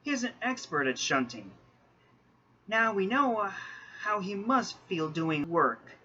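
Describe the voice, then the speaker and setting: A man doing a gentle female coach from a storybook, wistful and raised in pitch. Lively intonation, recorded dull and lo-fi with faint hiss. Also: slow, exaggerated voice.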